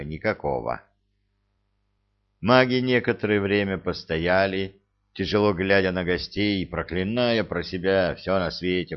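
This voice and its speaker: A man reading an audiobook in a slow, even, measured way. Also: low voice. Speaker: audiobook narrator. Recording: dull lo-fi recording.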